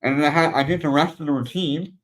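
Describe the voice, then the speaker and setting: A man's voice: a little high, quick pace, fairly bright tone, low-quality recording. A middle-aged man hosting a podcast, chatting casually and drawing lessons from shared stories. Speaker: podcast host. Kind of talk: casual interview conversation.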